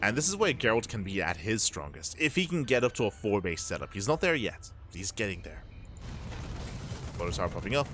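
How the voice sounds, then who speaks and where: Brisk and a little bright, a man with a fairly low, sing-song voice calls a StarCraft match live. Background music plays as he explains the action analytically, circling back to phrases for emphasis.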